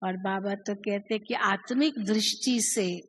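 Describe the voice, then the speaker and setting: A woman's voice: medium pitch, steady tone, slow, fairly bright tone, slight background noise, low-quality recording. A woman teaching a spiritual class, asking her listeners many questions and acting out the quoted speech.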